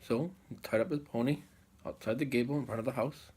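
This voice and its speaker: A male storyteller with a husky, slightly rough voice at a middling pitch. He tells a folk tale aloud in an unhurried way, leaving dramatic pauses and repeating phrases as he goes. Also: a little mellow. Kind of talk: live oral folk storytelling.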